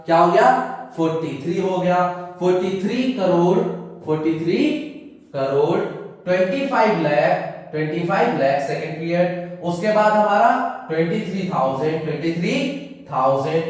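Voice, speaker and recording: A man's voice: on the high side, moderate pace. A man teaching a maths lesson to children, asking questions and answering them himself, often calling the students "beta". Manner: calls students "beta" warmly. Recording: echoey hall, voice from far off.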